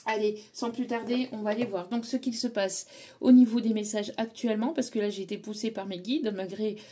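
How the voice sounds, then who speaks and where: A French woman talks viewers through a spiritual card reading in a mellow, soft-edged voice. She hesitates a lot, fills gaps with little sounds and restarts her sentences, and her pitch sits in a middle range. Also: steady tone, fairly quick. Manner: hesitant, many fillers and restarts. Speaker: tarot reader. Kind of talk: casual spiritual guidance talk.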